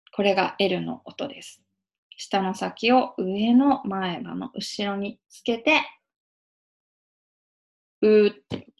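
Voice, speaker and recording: A woman giving a casual spoken lesson on English pronunciation, patiently demonstrating sounds with drawn-out vowels. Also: medium pitch, gravelly. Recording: lo-fi dull sound.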